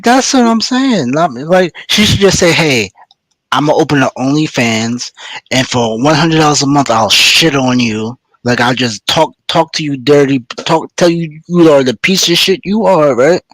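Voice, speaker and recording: A man talking on a podcast panel call, blunt and mocking, his microphone far too loud and distorting. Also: a little high, expressive, normal speed, dry recording. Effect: overloud clipping distorted mic. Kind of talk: casual panel chat over a call.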